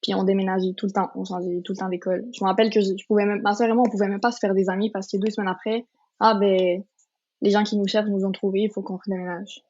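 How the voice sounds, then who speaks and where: Young woman, from Colombia, podcast guest, earnest, halting, slightly dull recording. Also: medium pitch, level tone, a little mellow. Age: 20s. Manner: earnest, many fillers and restarts. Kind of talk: casual testimony chat.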